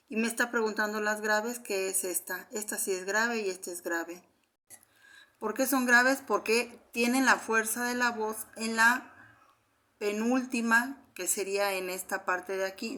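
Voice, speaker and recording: A woman's voice: mid-range voice, a bit bright. A woman teacher patiently going through quiz answers one by one, speaking to her students in a methodical way. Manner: patient, methodical, addresses the class. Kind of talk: explaining answers of a Spanish review quiz.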